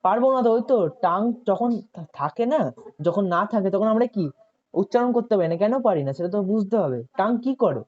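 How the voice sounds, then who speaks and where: Speaking quickly and with animation at a medium pitch, a tutor chats through an online coaching lesson. They frequently question the students, make sure they're following, and keep saying "ঠিক আছে," all in dull lo-fi sound.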